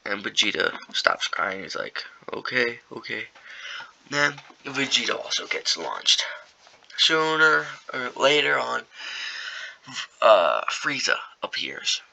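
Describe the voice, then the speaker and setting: A man's voice: medium pitch, very animated, takes it slowly, vocal fry, sharp tone, slight background noise, rough recording. A young man casually improvising a story, rambling and slangy, with many fillers.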